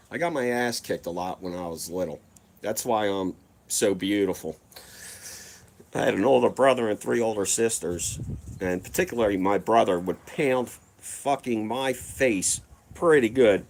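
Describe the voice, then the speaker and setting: A laid-back man rambles through profane personal stories in a loose vlog monologue. His voice sits on the low side and his delivery is easygoing and unhurried. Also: lively intonation, darkish tone, a little hiss or hum. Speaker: vlogger. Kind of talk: casual storytelling monologue.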